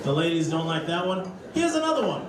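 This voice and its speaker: A man's voice: a little high, sing-song, fast, heavy background noise. A man doing live stand-up comedy with a hesitant, self-amused delivery. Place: comedy club stage with audience. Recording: echoey club, loud crowd.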